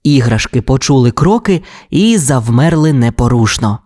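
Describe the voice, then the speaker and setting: Woman narrator, low voice, lively melody, children's audiobook. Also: normal speed. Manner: expressive, animated storytelling.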